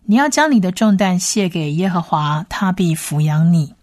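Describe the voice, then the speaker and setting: A woman's voice: on the low side, lively intonation, normal speed, a little mellow, no room sound, clean studio sound. A woman teaching a language lesson, patiently spelling out sounds and repeating each word several times. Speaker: Biblical Hebrew teacher.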